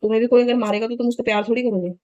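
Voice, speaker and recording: A woman's voice: a little high, flat delivery, very fast, dark tone, no room sound, muffled recording. A woman in her thirties chatting casually in a home vlog, telling a story in an indignant, talkative way. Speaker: vlogger.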